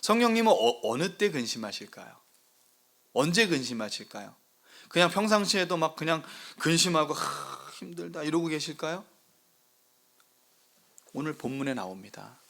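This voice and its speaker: Animated male pastor preaching. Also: fairly high pitch, moderate pace, pauses often. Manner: swings between loud emphasis and hushed whispers; asks the congregation rhetorical questions. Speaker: pastor of a new church plant. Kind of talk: sermon.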